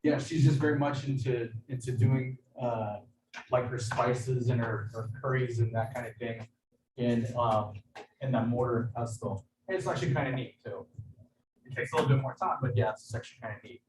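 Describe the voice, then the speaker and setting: Over a video call from a kitchen, an American chef casually demonstrates some cooking, stumbling along with frequent fillers and false starts. His voice sits in the middle range with a somewhat dark tone. The room echoes, he's far from the mic, and there's background noise.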